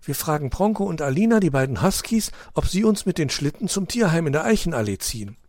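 Man voicing an eager storybook dog kid, raised pitch, bright and excited, for a children's tale. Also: fast talker, no echo. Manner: excited, persuasive. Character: eager young male dog schemer.

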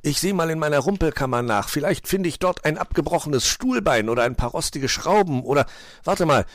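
Guy putting on a grumpy gnome, higher than his own voice, grumbly and smug, dry close sound. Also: normal speed, darkish tone, no echo, natural voice. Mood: spiteful. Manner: grumbling, then smugly content.

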